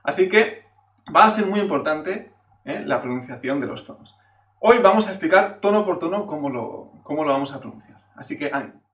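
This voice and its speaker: A man's voice: a little high, expressive, brisk, a bit bright, recorded from a distance. Male teacher in a roomy echo. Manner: patient, explanatory, tags sentences with a questioning "eh"; stretches and exaggerates sample syllables to demonstrate tones. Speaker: Chinese language teacher. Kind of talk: classroom-style video lesson.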